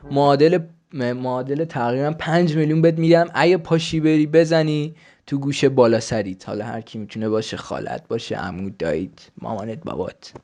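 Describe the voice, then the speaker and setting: A man's voice: mid-range voice, a little mellow. A man chatting with strangers on a video-chat site, crude and teasing, often swearing and slipping into a coaxing older-brother tone. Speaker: YouTuber chatting with strangers online.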